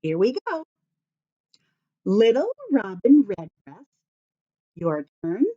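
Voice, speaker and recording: Slowly reading a children's book aloud, an American woman teacher uses a warm, mid-range voice with big, sing-song pitch swings while asking her young listeners questions. The recording sounds slightly dull and lo-fi.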